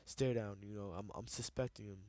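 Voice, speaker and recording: A man's voice: lowish voice, fairly even intonation, a little fast, mellow, no room sound. Rambling young man, dry close sound. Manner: rambling, stumbling over repeated words. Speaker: let's play gamer. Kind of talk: casual game commentary.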